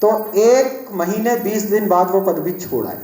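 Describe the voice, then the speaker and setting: A man's voice: sits high, a little slow, background noise. A man hosting a live poetry gathering on stage, telling anecdotes with a witty, teasing manner. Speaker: master of ceremonies at a poetry gathering. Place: large echoey hall. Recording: echoey live hall sound.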